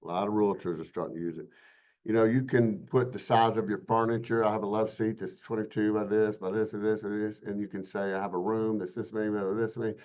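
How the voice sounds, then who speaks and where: A man's voice: fairly low pitch, fairly even intonation, fast, darkish tone, lo-fi sound. A man teaching a real estate licensing class in a casual webinar, chatting and joking with his students in a folksy way.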